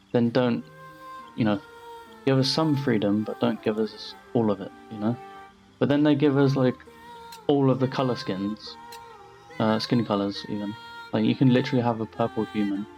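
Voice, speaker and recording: With a fairly low, slightly mellow voice, this young channel host talks loosely over his own gameplay. He rambles, speaks bluntly, and swears a lot, and the voice-over sounds a bit dull and lo-fi.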